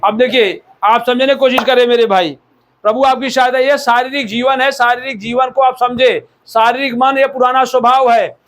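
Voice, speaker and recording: A man's voice: very high-pitched, fairly even intonation, normal speed, fairly bright tone. A man from India preaching a sermon as pastor, exhorting the listeners and repeating key words for emphasis.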